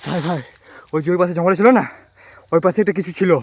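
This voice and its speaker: A young man narrating an outdoor forest vlog, excitable and constantly calling out "bhai". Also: high voice, quick pace, a little hiss or hum. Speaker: vlogger. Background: music.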